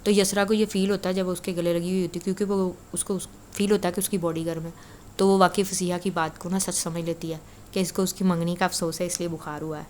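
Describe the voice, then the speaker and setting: A woman's voice: on the low side, level tone, darkish tone, slight background noise. A woman casually retelling a story in a chatty, conversational way. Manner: chatty, conversational, frequent filler "na".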